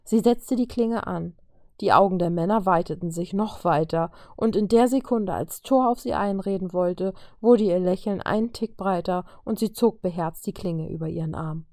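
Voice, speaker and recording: A woman reading a story aloud in a calm, even narrating manner. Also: on the low side, moderate pace, dry recording, clean studio sound. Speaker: reader.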